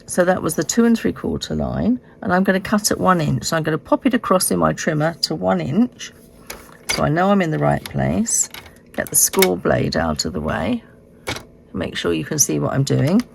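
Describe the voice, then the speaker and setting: Female tutorial host, hoarse and froggy after being ill, low register, casual unhurried delivery, faint room noise behind. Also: very animated. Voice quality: hoarse, croaky like a frog. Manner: unhurried, explaining step by step. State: croaky voice, recovering from illness. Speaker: host of a card-making tutorial. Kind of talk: casual craft demonstration. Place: indoors at a craft desk.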